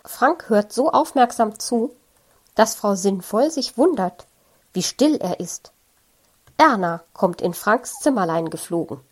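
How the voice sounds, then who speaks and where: Woman narrator, children's story, slow and deliberate, higher voice for the characters. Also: lively intonation, slightly rough. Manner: slow, deliberate reading, lifting pitch for quoted characters. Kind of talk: children's story read aloud.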